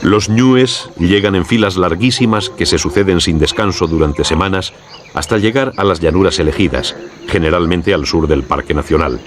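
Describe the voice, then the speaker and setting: Man, Castilian Spanish accent, low-pitched voice, nature documentary narration, measured formal delivery, noisy insect-filled background. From Spain. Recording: clear background noise with insect ambience.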